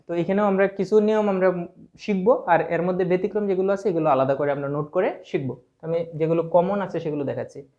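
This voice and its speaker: A man's voice: high voice, a little mellow. A man with a Sylheti Bengali accent teaching an English grammar lesson, explaining step by step and spelling words out letter by letter. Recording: dull lo-fi sound.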